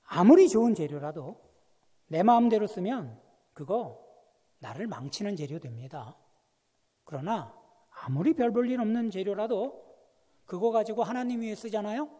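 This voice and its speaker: A man preaching a sermon as a guest pastor, telling a story with animated swings between hushed and loud delivery. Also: high-pitched, normal speed, long pauses. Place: church sanctuary. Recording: long church reverb.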